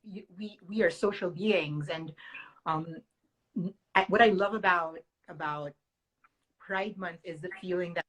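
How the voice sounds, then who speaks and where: Low-voiced reflective woman interviewer. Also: a little slow, low-quality recording. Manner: reflective and affirming. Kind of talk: conversational interview.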